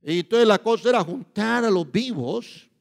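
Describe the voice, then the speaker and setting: A man's voice: high voice, expressive, moderate pace, gravelly. A man preaching a sermon in emphatic bursts, often repeating himself and checking with listeners. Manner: emphatic, shifts between loud and quiet. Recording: long hall reverb.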